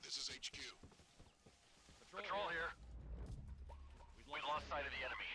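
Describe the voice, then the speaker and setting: An enemy soldier barking clipped orders over a faint, distant radio. The voice sits fairly high and sounds piercingly bright. It carries the terse urgency of a military video game. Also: male voice, expressive, moderate pace. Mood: urgent. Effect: faint distant radio transmission.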